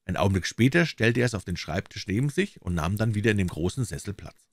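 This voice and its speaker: Low-voiced man reading a crime story. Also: fast, no room sound. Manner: steady, expressive reading. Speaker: audiobook reader. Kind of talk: scripted narration of a classic crime story.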